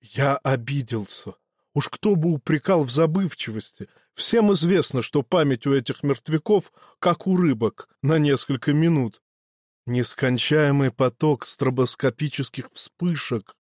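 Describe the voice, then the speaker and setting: A man reading a first-person audiobook story in a steady, measured way. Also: mid-range voice, dry recording, clean studio sound. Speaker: audiobook narrator.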